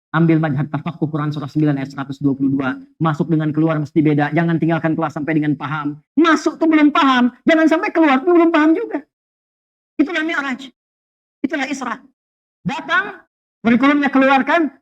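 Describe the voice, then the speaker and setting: A man preaching a lively sermon to a congregation, telling humorous stories, asking rhetorical questions, and weaving in Arabic phrases. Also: fairly high pitch. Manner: animated storytelling with jokes and rhetorical questions. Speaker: Islamic preacher. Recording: dull lo-fi sound.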